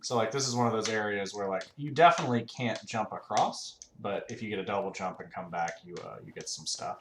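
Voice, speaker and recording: Low-voiced man rambling through a let's-play. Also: fairly quick, fairly bright tone. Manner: rambling, filler-heavy, laid-back. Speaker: gaming channel host. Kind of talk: casual let's-play commentary. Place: room at home. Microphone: desk mic. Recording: roomy home recording with faint fan hum.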